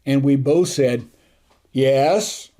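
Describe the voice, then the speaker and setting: Older male host recalling old stories; warm, mellow tone, a bit high, easygoing and gentle. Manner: gentle, unhurried anecdotes with soft chuckles. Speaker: tutorial channel host. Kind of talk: reminiscing storytelling.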